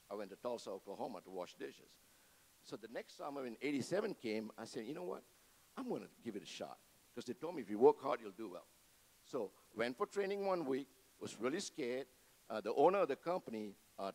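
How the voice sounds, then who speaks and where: A man's voice: medium pitch, poor audio. A man, giving a personal testimony to a church congregation and telling his story with humorous asides. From Malaysia. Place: church before a live congregation.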